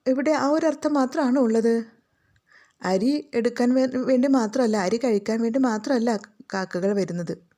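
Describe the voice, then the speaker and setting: A woman's voice: a little high, unhurried, mellow. A woman teacher with a Malayali accent reads a school lesson aloud and explains it to children, asking them questions as she goes.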